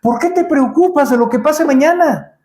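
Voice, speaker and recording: A man's voice: extremely high pitch, moderate pace, a little mellow, echoey room. A man preaching a sermon in a church, asking the congregation rhetorical questions and acting out Bible scenes.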